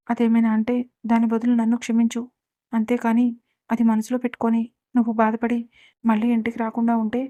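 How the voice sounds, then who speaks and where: A woman's voice: on the high side, dry recording, close to an everyday voice. Woman reading as a remorseful older uncle. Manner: soft, regretful pleading.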